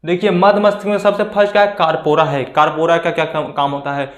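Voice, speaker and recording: Male exam-prep teacher, high-pitched, echoey classroom, self-questioning lecture style. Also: level tone, quick pace. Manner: repetitive rhetorical questions, conversational teaching. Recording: echoey room.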